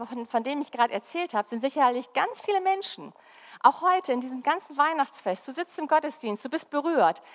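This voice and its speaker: Lively woman preaching in a reverberant hall. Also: high voice. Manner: lively, addresses listeners directly with questions. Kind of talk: Christmas sermon.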